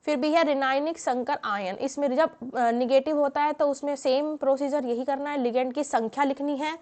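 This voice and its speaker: A woman's voice: high voice, fairly even intonation, normal speed, darkish tone. A woman teaching a chemistry lesson, explaining step by step with frequent fillers and questions to the class. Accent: Hindi-English mix. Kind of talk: classroom lecture.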